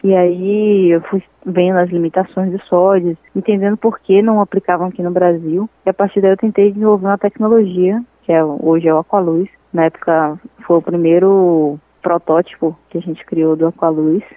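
A young woman, a scientist and entrepreneur answering interview questions in an earnest, measured way, often pausing to restart her phrases. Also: lowish voice, steady tone, no room sound. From Salvador, Brazil. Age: 20s. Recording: thin, dry, phone-like line.

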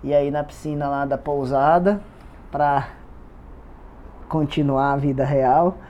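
A vlogger with a congested, stuffy voice talks casually to the camera about the fitness challenge he's recording, repeating words to stress them in a confessional style. His pitch is fairly high, his intonation fairly even, and he speaks slowly in a mellow tone. The highs are cut off and there's slight background noise.

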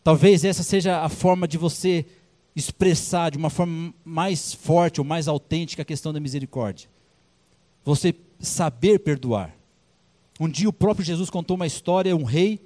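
A man's voice: fairly high pitch, moderate pace, dark tone. A man preaching a sermon in a conversational way, explaining verses with everyday examples and casual slang.

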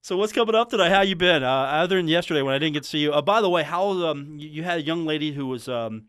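A man's voice: fairly high pitch, expressive, fast, fairly bright tone, smooth, dry recording, clean studio sound. A man hosting a sports radio show, bantering in a joking way with lots of stammered restarts.

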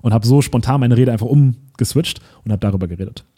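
A man's voice: medium pitch, fast, husky. A man co-hosting a podcast, talking casually and animatedly, often restarting words and mixing in English terms. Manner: animated, self-correcting, mixes English words. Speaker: podcast co-host.

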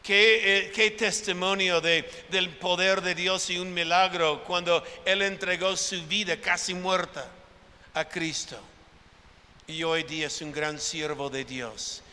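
A pastor with a high, pushed, bright voice preaches slowly and with fairly even intonation, repeating phrases for emphasis and acting out conversations with his congregation. The large church hall adds a long reverb.

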